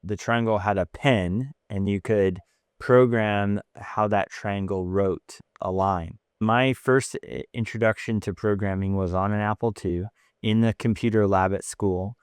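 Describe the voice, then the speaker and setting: A man's voice: on the low side, fairly even intonation, measured pace, smooth, no echo, clean studio sound. A man hosting an interview podcast, chatty and enthusiastic as he asks questions and shares memories. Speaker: podcast host.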